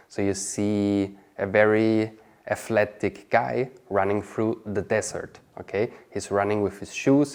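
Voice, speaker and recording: A man's voice: fairly low pitch, a little mellow. A man from Austria, a marketing specialist chatting as an interview guest, often adding "okay?" and "you know". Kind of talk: casual interview answers.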